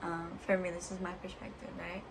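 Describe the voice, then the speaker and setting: A woman speaking as a vlogger in a reflective personal monologue, earnest and halting, pausing between short phrases. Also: on the low side, little pitch movement. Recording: clear background noise.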